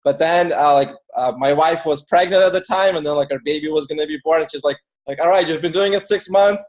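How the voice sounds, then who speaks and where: Born in Ukraine and brought to the US at eight, this man is an interview guest telling stories in a loose, casual way, leaning heavily on fillers like "like." His voice is fairly high, brisk and slightly mellow.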